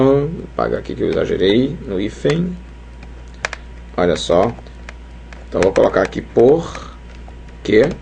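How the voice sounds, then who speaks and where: Gravelly man teaching grammar. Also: mid-range voice, a little hiss or hum. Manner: lively, chatty, keeps checking in with the viewer. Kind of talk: Portuguese grammar lesson at a whiteboard.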